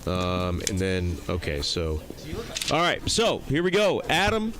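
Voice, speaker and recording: A man's voice: deep voice, wildly swooping pitch, measured pace, crowd noise. A man working as a play-by-play announcer, mixing sports commentary with casual banter outdoors.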